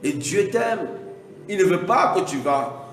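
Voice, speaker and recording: A man preaching a Pentecostal sermon, repeating himself and punctuating his lines with alleluia, now and then building to shouts. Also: high voice, animated, takes it slowly. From Mauritius. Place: large church hall. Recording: echoey hall from far off, faint music.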